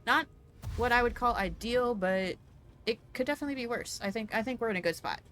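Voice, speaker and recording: A woman's voice: a little high, a little fast, fairly bright tone, slight background noise. A woman casually commenting while she plays a game, explaining the mechanics and breaking into playful outbursts. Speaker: gaming streamer. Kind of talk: casual let's-play commentary.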